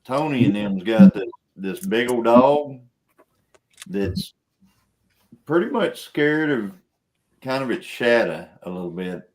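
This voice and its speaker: A man's voice: on the low side, animated, slow pace, long pauses, a little mellow. A man, hosting a casual chat in a folksy, rambling way and laughing often. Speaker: show host.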